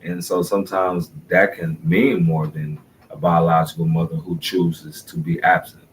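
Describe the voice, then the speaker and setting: Man, very deep voice, earnest and preachy podcast co-host, a bit far from the mic, faint background noise. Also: little pitch movement, normal speed, vocal fry. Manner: earnest, preachy, blessing-filled. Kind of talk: casual podcast chat.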